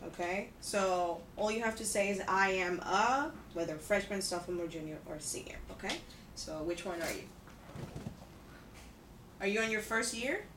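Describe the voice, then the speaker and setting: Speaking at a moderate pace in a mid-range voice, a thirtysomething woman patiently teaches English to her classroom, frequently asking "okay?" or "right?" to check on students. The recording comes from a distant mic in an echoey room with background noise.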